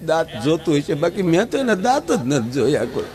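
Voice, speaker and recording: A man's voice: on the high side, fairly quick, noisy background. A middle-aged man telling a comic folk story on stage, acting out the lines of each person in it. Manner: animated, acts out dialogue. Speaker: folk comedian. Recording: live show with crowd.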